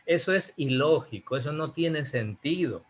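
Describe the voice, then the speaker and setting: A man's voice: a little high, lively intonation, normal speed. Emphatic male teacher. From Ecuador. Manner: emphatic, asks students rhetorical questions. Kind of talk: online class lecture.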